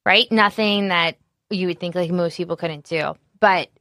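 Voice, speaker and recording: An executive chef, a woman, chats casually in an interview, her naturally loud voice sitting fairly low. She's animated and candid, scattering fillers throughout at a normal speed, and the recording is dry.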